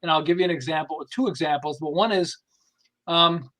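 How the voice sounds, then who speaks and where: A high-pitched man appears as an expert guest on a podcast, a behavioral management specialist. He explains things through anecdotes, animated but halting, breaking off sentences and picking them back up.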